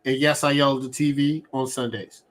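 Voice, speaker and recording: A man's voice: medium pitch, a little hiss or hum. A man hosting a live sports fan show, talking eagerly with frequent restarts. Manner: excited, talks fast with many restarts.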